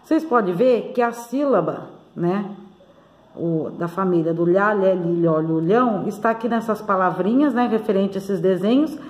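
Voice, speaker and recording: A woman teacher giving a slow, patient phonics lesson for young children, spelling out letters and ending phrases with questioning tags. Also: mid-range voice, a little mellow. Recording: echoey room.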